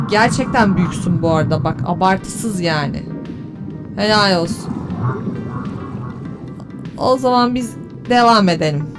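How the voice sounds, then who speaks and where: Exasperated woman cursing through a let's play. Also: medium pitch. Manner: exasperated, cursing and bantering at the game's creatures; teasing mock flattery. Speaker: gaming channel host.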